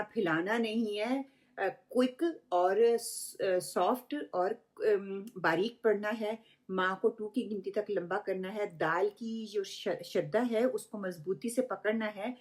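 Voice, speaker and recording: A woman teaching a recitation lesson step by step, patiently drawing out each example word. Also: mid-range voice.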